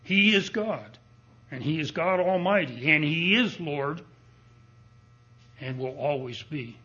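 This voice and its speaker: Slow husky-voiced preacher guy at a pulpit mic, fairly high voice, muffled dull church recording. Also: expressive, sharp tone. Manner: deliberate, emphatic preaching with rising declarations. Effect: preaching at a pulpit microphone. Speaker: pastor. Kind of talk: expository sermon. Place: church sanctuary. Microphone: pulpit microphone.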